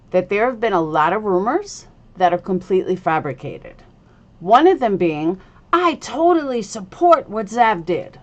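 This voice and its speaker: Slow-paced woman with a slight retainer lisp. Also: lowish voice, dull audio. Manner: blunt, opinionated, profane. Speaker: livestream host. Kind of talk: casual livestream commentary addressed to viewers.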